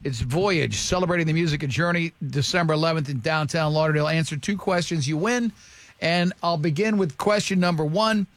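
A man's voice: fairly high pitch, a little fast, dry recording. A man hosting a morning radio show, bantering loosely with a caller and co-hosts, joking and restarting his sentences.

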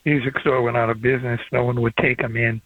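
A man's voice: mid-range voice, level tone, fast talker, no room sound. An older man calling in to a radio show from outdoors on an old flip phone. He rambles and hops from one topic to the next. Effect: old flip phone call. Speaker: caller. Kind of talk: casual call-in chat. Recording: dry, tinny phone line.

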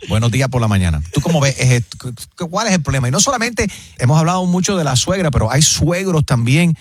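A man's voice: fairly high pitch, sing-song, fast talker, husky. A man hosting a casual radio talk show, chatty, slipping into English while searching for words.

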